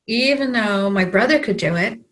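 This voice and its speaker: A woman practitioner guiding a tapping session, calmly giving phrases for the client to repeat. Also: mid-range voice, moderate pace. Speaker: EFT practitioner.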